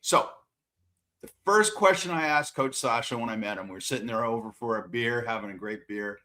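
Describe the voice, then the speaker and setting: A man in a middle pitch talks frankly about coaching and freely admits his own shortcomings. He often repeats a word or two while he lines up his next thought. His delivery is plain and unpolished. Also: brisk, bright, forceful tone. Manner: plain-spoken, self-deprecating, repeats words as he gathers thoughts. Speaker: swim and water polo coach. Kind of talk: interview answers.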